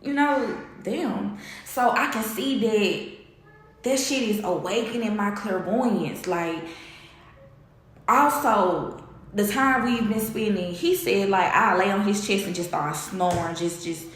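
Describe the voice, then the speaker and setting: A woman's voice: medium pitch, slow pace. Candid woman telling an emotional story, echoey room. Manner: candid, animated, quotes others in dialogue. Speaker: vlogger.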